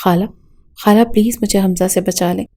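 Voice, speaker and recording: A woman's voice: medium pitch, steady tone, warm tone, close to an everyday voice. A woman voicing a frightened young wife who pleads through tears in a storybook reading. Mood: pleading. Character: terrified crying young wife.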